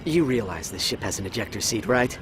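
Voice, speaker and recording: A young male alien pilot from a video game, played by a man, dry and impatient yet level-headed. His delivery is lively and exasperated, under loud music. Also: on the low side, brisk, background noise, close to an everyday voice. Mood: wary, dry. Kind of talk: animated game voice acting.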